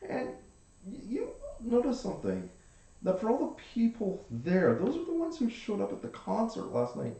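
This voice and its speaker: A game master narrating a tabletop game in a chatty, animated way. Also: medium pitch, moderate pace, gravelly. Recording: roomy echo.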